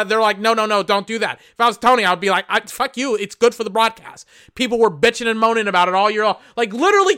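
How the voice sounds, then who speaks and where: High, bright-voiced exasperated male podcaster. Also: dry recording, clean studio sound. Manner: exasperated, swearing, rambling rants. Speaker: podcast host. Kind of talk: casual live-reaction commentary.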